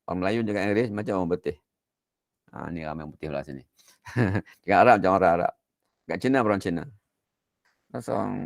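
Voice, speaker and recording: A man with a Malaysian Malay accent gives an online dawn religious lecture in a chatty, chuckling way, drawing out each verse slowly. His voice sits low with a gravelly rasp. The sound is dry and close. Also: darkish tone, dry recording.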